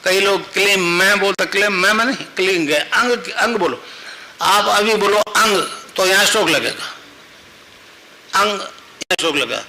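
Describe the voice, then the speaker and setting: A man's voice: high-pitched, normal speed, gravelly, pushed and bright, slight background noise, rough recording. An older man, giving a spiritual discourse as a guru and often checking that listeners follow. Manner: rhetorical checks on listeners, repetitive chanting demonstration. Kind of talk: spiritual discourse to a live audience.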